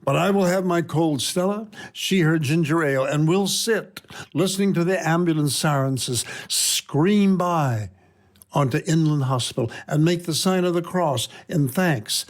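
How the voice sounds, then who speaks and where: An older man narrates his own essay with wry, reflective timing, lingering on phrases with slow pauses. His voice sits a bit high for a man. The reading is scripted but personal, like a columnist at the mic.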